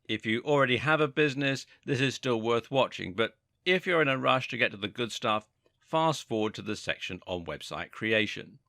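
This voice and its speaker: A man narrating a scripted marketing lesson in a measured, explanatory way. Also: mid-range voice, lively intonation, gravelly, sharp tone, no echo, clean studio sound. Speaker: course instructor.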